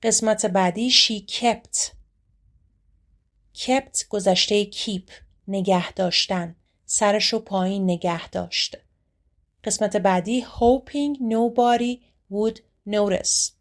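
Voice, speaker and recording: A woman with a Persian accent teaching an English grammar lesson, explaining quickly and reading English examples slowly and clearly. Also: medium pitch.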